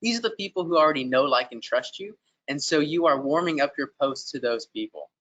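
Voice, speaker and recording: A man's voice: on the high side, expressive, fairly quick, fairly bright tone, highs cut off. A man co-hosting a marketing webinar, explaining tips step by step in lists. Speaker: webinar co-host.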